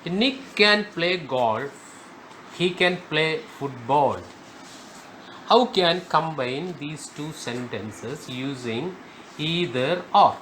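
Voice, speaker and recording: Slow, high-voiced man teaching grammar. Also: expressive, fairly bright tone, a little hiss or hum. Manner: slow, emphatic, repeats key words. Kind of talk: spoken grammar lesson.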